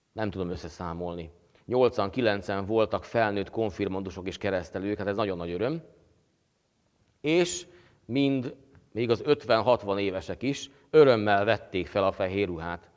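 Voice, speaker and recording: A man preaching a sermon as pastor, with a halting delivery full of pauses and fillers. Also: low voice, in a large hall. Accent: Hungarian.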